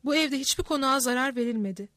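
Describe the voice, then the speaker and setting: Female audiobook narrator, high voice, steady even read; dry close mic. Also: fast talker, dry recording. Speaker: audiobook reader. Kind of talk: scripted narration.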